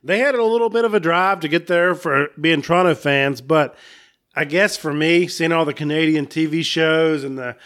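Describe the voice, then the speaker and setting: An American man co-hosting a podcast, telling trip stories with laughter and excitement. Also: fairly high pitch, normal speed. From United States. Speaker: podcast co-host. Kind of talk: casual chat.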